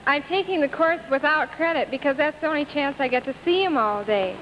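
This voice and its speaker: A woman's voice: high-pitched, fairly quick. A young woman answering casually as a contestant on a 1950s quiz show. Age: young adult. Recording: muffled, noisy 1950s television broadcast.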